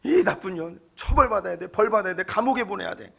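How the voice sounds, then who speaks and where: A male pastor voicing an anguished betrayed husband who cries and shouts at his children. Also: high-pitched, lively intonation, fast talker, creaky, pitched above the performer's own voice, full character voice. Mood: anguished shouting. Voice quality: crying, shouting.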